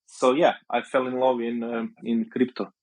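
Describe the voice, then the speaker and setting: A man's voice: medium pitch, little pitch movement, moderate pace, a little mellow, low-quality recording. A man from Croatia, a startup founder talking as a guest on a podcast, loose and storytelling with many "uh"s and "you know"s. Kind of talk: casual podcast interview.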